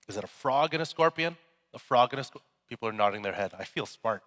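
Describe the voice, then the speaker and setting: Male pastor, relaxed joking sermon, animated pitch, hall reverb. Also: fast talker. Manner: casual, joking, conversational preaching. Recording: echoey hall.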